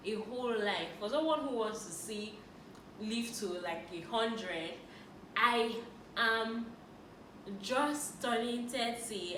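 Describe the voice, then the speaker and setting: A woman's voice: mid-range voice, a bit bright, recorded from a distance. Earnest woman in her thirties. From Nigeria. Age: 30s. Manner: earnest, reflective, with repeated restarts. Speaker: faith and lifestyle YouTuber. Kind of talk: personal vlog talk. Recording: roomy echo, voice set back from the mic, clear background noise.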